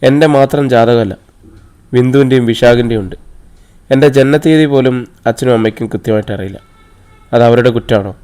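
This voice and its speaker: A man's voice: medium pitch, fairly quick, long pauses, mellow, clear, resonant tone, close to an everyday voice. A man reading the part of a hurt, defiant young woman who answers bitterly and accusingly.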